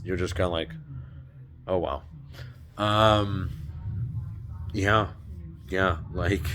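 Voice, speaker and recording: A man's voice: low voice, fairly bright tone. A man talking off the cuff in a rambling, exasperated way, swearing and acting out quoted voices. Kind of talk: casual spiritual rant.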